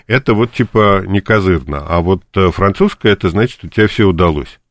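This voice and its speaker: Low-voiced man explaining on radio. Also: no room sound, clean studio sound. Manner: measured, explanatory, many fillers. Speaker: expert guest. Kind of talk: radio discussion. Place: radio studio.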